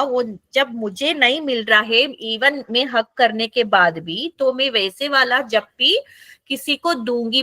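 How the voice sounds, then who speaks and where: A woman with a South Indian accent leading a group lesson, animated and often checking in with "right?" while mixing English into Hindi. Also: high voice, dry recording. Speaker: facilitator leading a group session for seniors.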